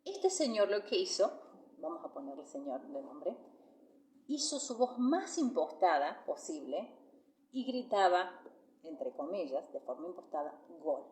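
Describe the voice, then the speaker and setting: A woman's voice: fairly low pitch, very animated, unhurried, darkish tone, roomy sound. A woman with a Rioplatense Spanish accent teaching singing in a live masterclass, chatty and explanatory, often checking in with "¿sí?".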